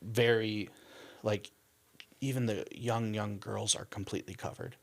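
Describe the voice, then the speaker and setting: A young man, a missionary guest, telling his story in a casual interview, animated and full of "like" and "um". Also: fairly low pitch, unhurried, vocal fry. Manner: animated storyteller, acts out quotes, frequent "like" and "um".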